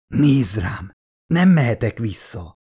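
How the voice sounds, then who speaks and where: A man's voice: mid-range voice, very animated. A man doing a weak dying young man. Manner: weak, rasping and quiet.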